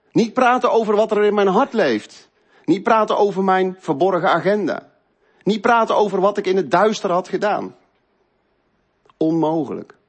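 Middle-aged guy, husky voice, earnest faith testimony, goes loud then hushed. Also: sits high. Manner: earnest, swings between loud and quiet, hushed. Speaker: speaker giving a faith testimony. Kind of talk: emotional personal testimony.

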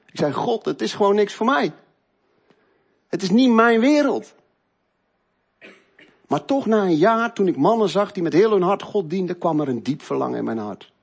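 A middle-aged man telling an earnest, emotional personal faith testimony, moving between loud stretches and hushed ones. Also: high-pitched, very animated, normal speed, vocal fry, long pauses, slightly rough. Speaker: speaker giving a faith testimony.

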